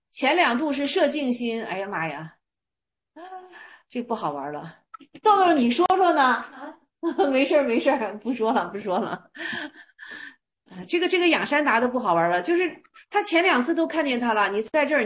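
Woman, high pitch, casual lecture, chatty, rhetorical questions. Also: big pitch swings, brisk, fairly bright tone. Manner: chatty, asks rhetorical questions, retells in colloquial terms. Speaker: teacher. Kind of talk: casual lecture on Zen stories.

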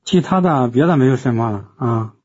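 Man, 40s, plain brief talk, slightly raspy, lo-fi call audio. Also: medium pitch, animated, fairly quick, darkish tone. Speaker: student participant. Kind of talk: online Q&A sharing.

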